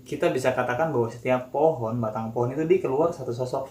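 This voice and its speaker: Animated Jakarta-accented young man telling a story. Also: mid-range voice, fast. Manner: animated, acts out quotes. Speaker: guest storyteller. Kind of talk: casual horror storytelling. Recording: roomy echo, faint noise.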